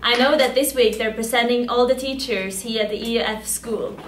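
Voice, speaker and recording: A woman's voice: on the high side, fairly even intonation, normal speed, echoey room, slight background noise. A young adult woman presenting a school news show as anchor, upbeat and chatty.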